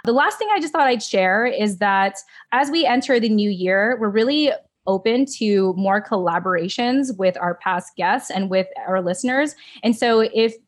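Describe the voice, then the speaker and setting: A woman's voice: medium pitch, moderate pace. Woman co-host, bubbly and chatty, laughs easily, casual podcast talk over a video call. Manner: bubbly, laughs often, uses "like" a lot. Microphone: remote video call.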